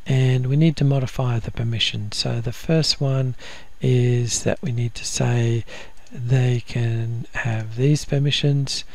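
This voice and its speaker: A man talks through a software setup one step at a time, his voice gravelly with a flat, level pitch. He hesitates often with ums and uhs, in the unhurried way of a screen-recorded lesson. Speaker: software instructor.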